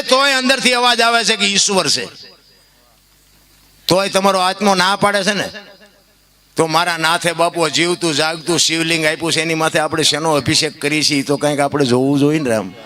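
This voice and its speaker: A man giving a devotional folk discourse. He preaches earnestly, keeps addressing his listeners as "bapu", and swings up into loud, impassioned passages. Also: sits high, fairly even intonation, normal speed, soft background music. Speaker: folk storyteller and devotional speaker.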